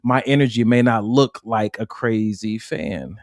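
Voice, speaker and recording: A man's voice: fairly low pitch, unhurried, a little mellow, no room sound. Reflective man co-hosting a podcast, dry sound. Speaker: podcast co-host. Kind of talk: casual podcast conversation about relationships.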